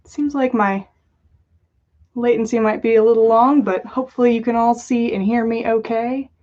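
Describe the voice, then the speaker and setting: A podcast host runs a casual livestream, chatting and joking playfully with viewers. Her voice is on the high side, with fairly even intonation at normal speed, and the audio is dull and lo-fi.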